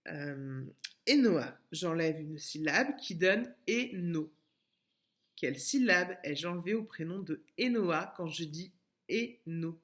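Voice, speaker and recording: A woman with a French accent giving a remote phonics lesson to young children, with careful, clearly split syllables and patient explanations. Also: fairly low pitch. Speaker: kindergarten teacher.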